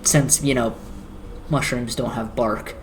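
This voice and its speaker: A game master narrating a tabletop game, describing a scene in slow, searching phrases with filler words. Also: mid-range voice, fairly even intonation, a little hiss or hum.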